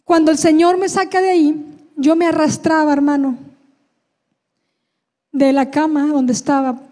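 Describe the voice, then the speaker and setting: Woman with a really high voice telling her church testimony, fervent, keeps saying brother, prays out loud. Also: steady tone, a little slow. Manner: fervent, prays aloud, addresses listener as "hermano". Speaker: guest giving testimony. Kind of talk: emotional personal testimony.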